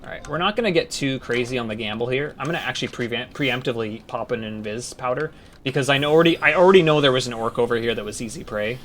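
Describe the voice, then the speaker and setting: A young man giving casual live commentary as a speedrunner, talking through his moves and breaking into loud outbursts. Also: mid-range voice, fast, a little hiss or hum. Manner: casual, talks to himself, swings to loud outbursts.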